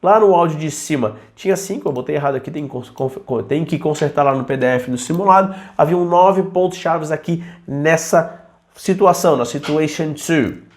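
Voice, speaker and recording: Chatty high-voiced man teaching. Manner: chatty, slips into English examples slowly and acts out students. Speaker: aviation English teacher. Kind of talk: informal video lesson.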